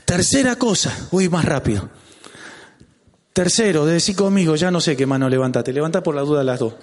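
Animated pastor with a Rioplatense accent. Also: male voice, a little high, normal speed. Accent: Rioplatense Spanish. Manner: animated, calls out to the congregation, jokes. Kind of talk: lively preaching sermon with jokes. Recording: long hall reverb.

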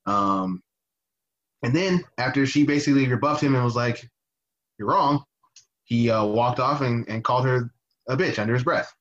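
A man talks casually on a podcast, rambling and swearing through a political rant, full of "uh"s and restarts. His pitch sits mid-range and the sound is a little muffled. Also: moderate pace. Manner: rambling, profane, with frequent fillers and restarts. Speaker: podcast co-host.

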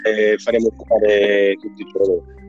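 A man's voice: on the low side, level tone, moderate pace, darkish tone. A man in a casual, joking sports chat, answering as a team staff member. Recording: dull, lo-fi audio. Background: music.

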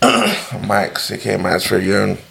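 A young man with a London roadman accent and a gravelly voice, chatting casually in street slang as a podcast co-host. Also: lowish voice, wildly swooping pitch, slow, fairly bright tone. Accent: London, urban street (roadman).

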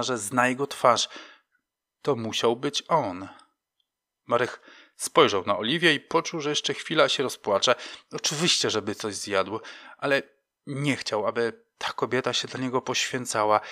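A man reading fiction aloud as an audiobook narrator in an even, measured way. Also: mid-range voice.

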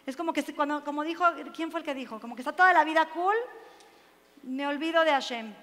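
A woman's voice: high voice, quick pace, a bit bright. A woman giving an earnest inspirational religious talk at a women's seminar and asking rhetorical questions. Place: seminar hall. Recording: long hall reverb.

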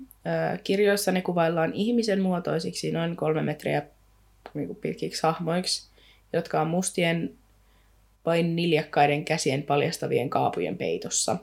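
A woman co-hosting a podcast in a relaxed, chatty way, speaking. She retells the plot in loose, rambling sentences full of fillers and now and then reads a passage aloud from the book. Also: deep voice, gravelly. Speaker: podcast co-host. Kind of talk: casual book discussion with read-aloud passages.

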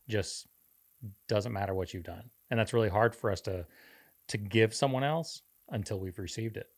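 A podcast co-host with a fairly low, darkish voice explains faith in an earnest, preacher-like manner during a casual faith discussion.

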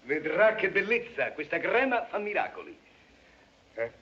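An actor playing a cheeky, quick-witted male barber who jokes and bustles between customers. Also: high voice, sing-song, heavily acted. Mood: playful. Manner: joking, bustling. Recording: roomy muffled old film track with loud music.

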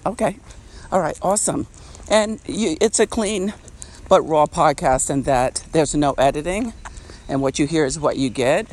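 A man's voice: a little high, normal speed. A man hosting an unedited podcast outdoors, talking reflectively and repeating phrases, laughing now and then. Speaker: podcast host. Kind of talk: casual unedited podcast monologue. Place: outdoors by a street. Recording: faint outdoor street noise. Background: traffic and street noise.

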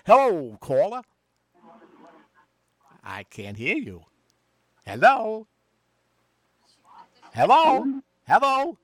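Male radio host, bright, chatty, a little high. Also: huge pitch swings, extremely slow, long pauses, dry recording. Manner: chatty, takes phone calls. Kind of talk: casual radio chat.

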